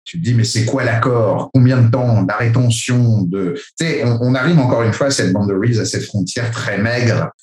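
A man's voice: mid-range voice, moderate pace, few pauses, a little mellow, reverberant. A man from France talking casually in a discussion, rambling with many fillers and restarts.

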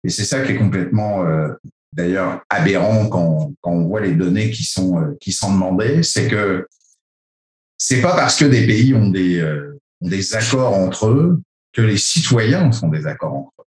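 Man, from France, low voice, rambling, hesitant fillers, casual discussion. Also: animated, a little slow, reverberant. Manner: rambling, many restarts and fillers.

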